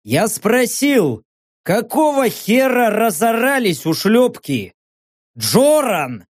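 Guy doing a tough cussing commander barking orders, slow and punchy, dry sound. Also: extremely high pitch, sing-song, no echo, voice pushed up, full character voice. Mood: angry. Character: foul-mouthed tough male commander.

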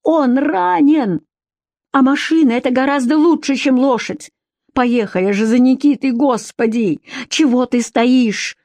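A woman voicing a desperate young wife who pleads and shouts in defiance, raised in pitch. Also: unhurried, no echo. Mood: frantic.

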